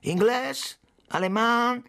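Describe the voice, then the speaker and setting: A man voicing a short, fat, cruel policeman who shouts crude questions. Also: very high-pitched, takes it slowly, creaky, voice pushed up, full character voice. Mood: shouting. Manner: shouts, crude, echoes the other cop. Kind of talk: audiobook character voice.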